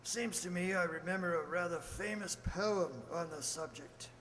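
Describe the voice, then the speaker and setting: An actor playing a blunt, slightly testy gentleman doctor and sidekick in a radio play. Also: high-pitched, moderate pace. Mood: inquiring. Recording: noisy, echoey hall recording.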